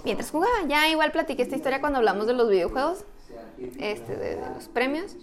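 A woman's voice: high-pitched, lively intonation, fast talker, a crowd in the background. A woman with a Mexican accent, co-hosting a podcast and telling stories in a chatty, slangy way. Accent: Mexican Spanish. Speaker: podcast co-host. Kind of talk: casual chat.

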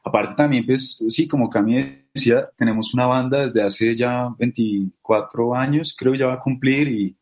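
A man's voice: medium pitch, normal speed, hardly any pauses, slightly rough. A man with a Bogotá Colombian accent, speaking as an interview guest in a casual, hesitant way with many fillers. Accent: Bogotá Colombian Spanish. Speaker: guest, company co-founder.

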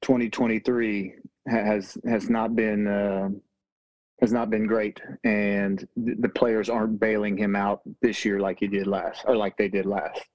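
Flat-voiced man, emphatic and critical. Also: fairly low pitch, unhurried, no echo, dull audio. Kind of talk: casual sports chat.

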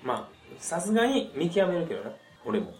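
A man's voice: on the high side, huge pitch swings, moderate pace. Tipsy Kansai man in an echoey room. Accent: Kansai Japanese. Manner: tipsy, loose drunken talk. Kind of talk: casual chat. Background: music.

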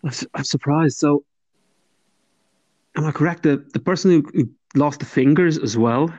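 A man's voice: a little high, normal speed, darkish tone. A man chatting casually as a podcast co-host, jokey and given to acting out little quotes. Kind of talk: casual banter. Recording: roomy, slightly muffled sound.

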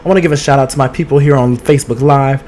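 Male podcast host, mid-pitched, sassy gossip chatter, streaming from home. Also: steady tone, racing, darkish tone, a little hiss or hum. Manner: sassy, outspoken, swears freely; talks straight to listeners. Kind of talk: casual gossip chat. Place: home studio. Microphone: streaming with two cameras.

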